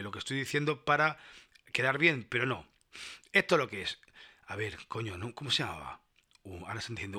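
A man's voice: medium pitch, sharp tone. A man hosting a casual solo podcast, rambling, stumbling over words and swearing freely. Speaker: podcast host.

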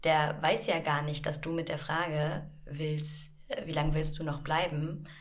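A woman co-hosting a casual podcast about communication, explaining with animated examples and acting out inner thoughts. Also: sits low, a little slow. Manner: animated storytelling, acts out inner voices. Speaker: podcast co-host, coach.

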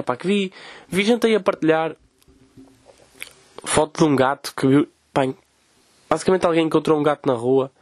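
Hosting his podcast as a casual comic rant, this young Portuguese man speaks with a European Portuguese accent, swears a lot, and imitates people's voices when quoting them. His voice is mid-range, recorded without echo.

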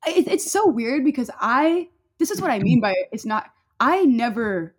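A woman's voice: fairly high pitch, sing-song, normal speed, husky. A young adult woman telling a personal story in casual chat, rambling with many fillers and breaking off into laughter.

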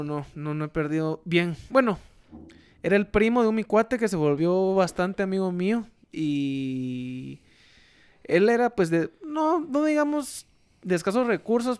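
A young man with a Guatemalan accent, chatting casually and telling stories, often tagging his sentences with a quick "va, vos". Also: high-pitched, lively intonation, darkish tone, clean tone. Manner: storytelling, tags sentences with "va, vos". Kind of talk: casual chat.

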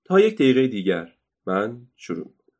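A man's voice: mid-range voice, wildly swooping pitch. A man doing a bold cheeky little girl. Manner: cheeky and friendly. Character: bold cheerful young girl, unbelievably strong.

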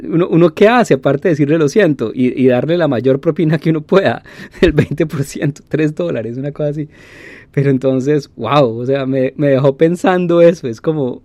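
An animated man tells a casual story straight to the camera. He acts out the other voices and fills gaps with playful sound effects. His voice sits at a middle pitch and is recorded dry and close. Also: no room sound.

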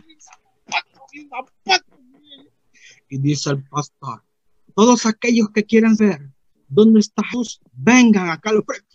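In a comic monologue, a man plays a naive, rambling country churchgoer, using an exaggerated, gravelly, husky voice pitched slightly high. He keeps circling back with "mire" and acts out the other voices in his story. The recording is dull, lo-fi, and dry, with no echo.

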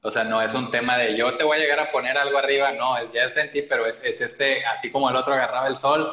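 A man's voice: medium pitch, fairly even intonation, quick pace, sharp tone. A man hosting a casual interview, encouraging his guest and reacting with short affirmations. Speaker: podcast host. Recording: muffled, echoey room.

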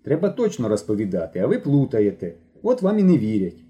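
A male reader voicing a stern teenage boy who lectures two runaways in a lively, raised tone. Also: fairly low pitch, a little fast. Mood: scolding. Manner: lecturing, indignant. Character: stern teenage boy, troop leader, scolding.

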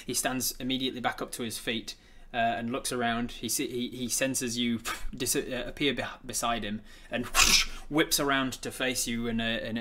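A man narrating a tabletop game as game master, improvising haltingly and repeating words as he thinks aloud. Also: mid-range voice, pushed and bright.

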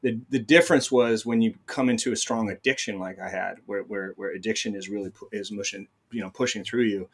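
Fast-talking middle-aged man telling a story. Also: fairly low pitch, steady tone, slightly rough. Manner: storytelling, rapid, many restarts. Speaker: guest. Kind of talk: casual conversation.

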